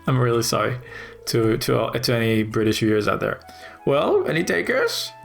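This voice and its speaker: A man's voice: on the low side, level tone, brisk, vocal fry, faint music behind. A man casually commenting while playing a video game, rambling and thinking aloud with many fillers. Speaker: gaming video host.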